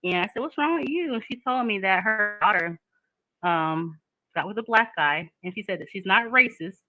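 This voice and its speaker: Woman in her 30s, chatting casual, laughs a lot, sharp bright voice. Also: mid-range voice, normal speed, no echo, faint music behind, poor audio. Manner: candid and chatty, laughs often. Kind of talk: casual chat.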